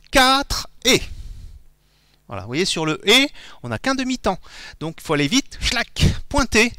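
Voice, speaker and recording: A man's voice: sits high, pushed and bright, dry recording. A middle-aged man from France teaching an online dance class, counting the beats aloud as he demonstrates steps in a dance studio. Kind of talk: live online dance lesson. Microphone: far camera.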